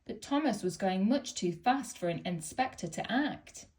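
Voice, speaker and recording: Gentle and expressive, a woman reads aloud from a children's picture book at a moderate pace, her voice medium in pitch.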